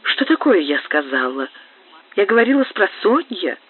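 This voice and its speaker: A woman voicing a dreamy, frightened young woman who speaks softly and pleadingly to her sister. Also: mid-range voice, big pitch swings, moderate pace, slightly rough, voice pushed up. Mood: tender. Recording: tinny lo-fi digitized tape.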